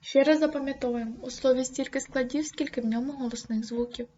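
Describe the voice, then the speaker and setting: A woman teacher giving a grammar lesson, saying example words slowly and deliberately. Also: fairly even intonation, dark tone. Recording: dull low-fi recording, faint noise.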